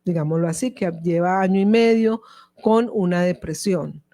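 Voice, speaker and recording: A woman's voice: fairly low pitch, moderate pace, warm tone, dry recording. A woman speaking Spanish with a Colombian accent, giving an informal talk as a psychologist and often checking in with her listeners. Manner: explanatory, checks in with the audience.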